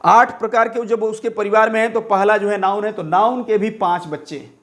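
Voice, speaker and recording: A male English teacher with an Indian accent, giving a grammar lesson that mixes Hindi and English. He says example sentences slowly, repeats them, and asks questions that he answers himself. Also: high-pitched, steady tone, fairly bright tone.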